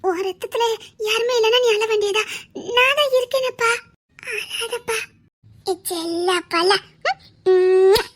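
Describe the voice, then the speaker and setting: A woman's voice: very high voice, slow, pauses often, fairly bright tone, heavily acted. An actress playing a loving grown daughter who soothes and pleads with her grieving father in a TV serial scene. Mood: soothing. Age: young adult. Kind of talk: TV serial acting.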